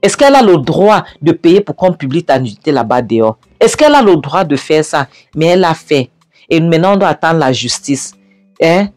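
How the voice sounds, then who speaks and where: A woman's voice: low-pitched, sing-song, moderate pace, a little mellow, dry recording, faint music behind. A woman retelling a film scene by scene with emphatic, indignant commentary.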